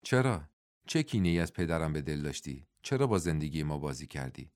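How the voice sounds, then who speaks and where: A man's voice: rumbling low, expressive, a little mellow, pitched below the performer's own voice. A man reading the part of a hurt young woman who speaks in a bitter, accusing way in a storybook.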